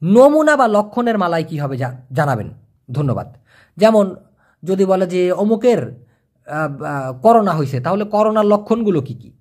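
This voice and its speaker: Male tutor, high voice, patient step-by-step explainer who keeps asking "clear?". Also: sing-song, darkish tone. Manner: explains slowly, repeats words and checks understanding. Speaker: language teacher. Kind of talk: casual video lesson.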